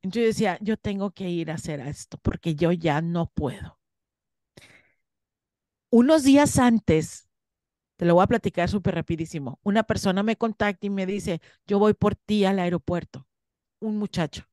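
A woman's voice: medium pitch, normal speed, mellow, no echo, clean studio sound. A woman, a guest in an interview, earnestly telling a personal story and acting out her own past words. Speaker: interview guest, spiritual course teacher.

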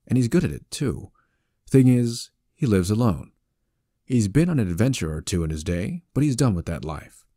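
Deep, mellow male narrator. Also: no echo. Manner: wry, conversational storytelling. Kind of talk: scripted audiobook narration.

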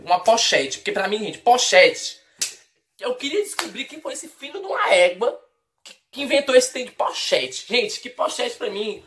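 A woman with a Brazilian Portuguese accent, vlogging a blunt, exaggerated comic rant full of mock outrage and teasing. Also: medium pitch. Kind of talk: comic opinion rant to camera.

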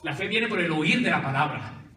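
A man's voice: on the high side, expressive, normal speed, sharp tone, a little hiss or hum. A male pastor preaching a sermon, calling out to his congregation for responses. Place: church sanctuary. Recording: echoey church hall from far off.

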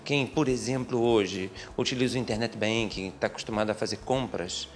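A middle-aged man, a lawyer, answering interview questions in a small office, speaking in a measured, methodical way with frequent hesitant fillers. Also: fairly low pitch, slight background noise. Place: small office with bookshelves, indoors. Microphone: handheld interview mic.

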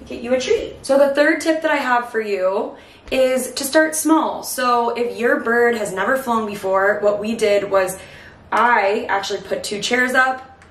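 A woman in her thirties giving chatty, explanatory tips to camera in a casual way, a little short of breath. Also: medium pitch. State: breathless from late pregnancy. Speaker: host of a pet bird channel. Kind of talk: casual instructional talk to camera. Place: home kitchen, indoors. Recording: echoey kitchen, distant mic.

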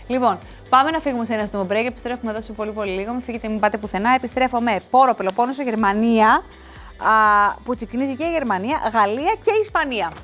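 A woman's voice: on the high side, faint music behind. Chatty, rambling woman TV host. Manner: rambling, chatty, with many asides and restarts. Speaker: TV show host. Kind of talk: casual studio chat to camera. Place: TV studio.

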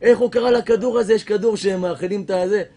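A rabbi telling a funny story in a Torah lesson, animated and laughing as he talks. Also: high-pitched.

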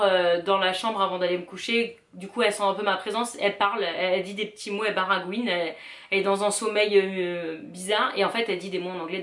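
A woman's voice: medium pitch, a bit bright. A woman in her thirties, talking earnestly and casually to viewers, with lots of fillers and restarts. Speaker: vlogger. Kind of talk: casual advice vlog. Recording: roomy echoey home room.

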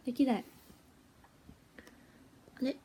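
A woman's voice: takes it slowly, warm tone. A young woman, an idol, chatting casually with viewers on a phone livestream, giggly and easily flustered. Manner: chatty and giggly, flustered when her stream freezes.

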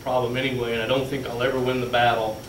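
A school business official with a fast, medium-pitched, fairly monotone voice explains budget numbers to a school board step by step, referring plainly to handouts. He's recorded from a distance by a room camera in a large meeting room, so the sound is echoey with a slight hum.

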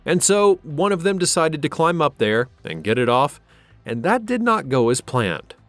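A man narrating a scripted wildlife countdown, steady with dramatic emphasis, over faint music. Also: a little high, moderate pace, no echo. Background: faint background music.

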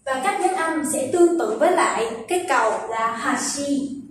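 High-voiced woman teaching in an echoey room. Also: lively intonation, slight background noise. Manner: explains patiently, repeats words slowly to show pitch accent. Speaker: Japanese language teacher. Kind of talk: vocabulary lesson. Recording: very echoey room, distant from the mic.

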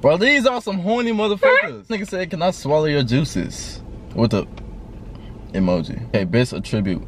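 A man's voice: sing-song, normal speed. 19-year-old man with a Memphis accent. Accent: Memphis Southern. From Memphis, Tennessee. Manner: laid-back slang, jumps high when surprised. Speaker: YouTuber hosting a Q&A mukbang. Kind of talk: casual chat while eating. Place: parked car at night. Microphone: camera on dashboard. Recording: noisy car interior.

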